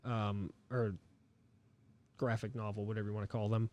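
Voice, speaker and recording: A man's voice: fairly low pitch, little pitch movement, moderate pace, a little mellow. A young man co-hosting a podcast in casual chat, rambling with lots of fillers and restarts. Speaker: podcast co-host.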